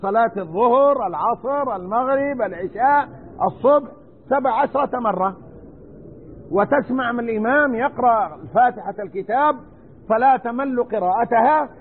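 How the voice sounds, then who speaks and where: A man's voice: very high voice, moderate pace. A man teaching a religious lesson on Quran commentary, speaking earnestly and addressing his listeners directly. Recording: tinny narrow-band recording with faint noise.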